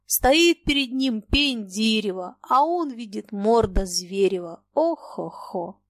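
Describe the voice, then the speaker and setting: A woman's voice: fairly high pitch, expressive, slow pace, no room sound. A woman reading aloud and voicing a cranky old merchant who mocks and shrieks in a dry close sound. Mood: scolding. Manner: wheedling, mocking, shrieking. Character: cranky shrill old merchant man, scolding.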